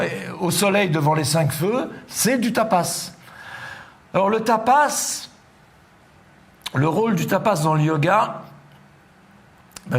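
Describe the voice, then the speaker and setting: A man's voice: a little high, creaky. A middle-aged man lecturing on philosophy to an audience, explaining step by step with frequent hesitations and asides.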